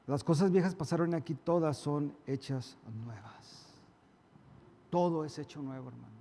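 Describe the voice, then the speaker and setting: A male pastor preaching a sermon, emphatic, acting out quarrels in a raised voice and dropping to soft asides. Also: on the high side, normal speed, vocal fry. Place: church hall. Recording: reverberant church hall.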